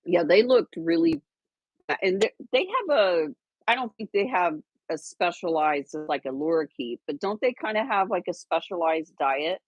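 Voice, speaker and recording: A woman's voice: lowish voice, expressive, moderate pace, dry recording, dull audio. A woman co-hosting a casual livestream, chatty and rambling with lots of fillers and restarts. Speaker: livestream co-host.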